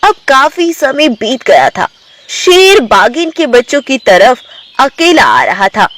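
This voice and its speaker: A woman narrating an animated children's story in a storybook manner. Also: high-pitched. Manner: slow, storybook telling.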